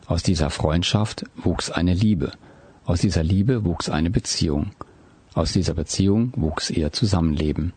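A male audiobook narrator with a calm, measured delivery. His voice sits low with a husky texture. The recording is dry and close, with no room sound. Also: dry recording. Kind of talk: scripted narration.

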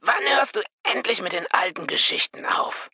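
A man's voice: expressive, normal speed, vocal fry, sharp tone, breathy edge, dry recording, muffled recording, full character voice. A man voicing a bitter old father who snaps and hisses in an audiobook thriller reading. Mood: snapping. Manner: hissing, shrill outburst.

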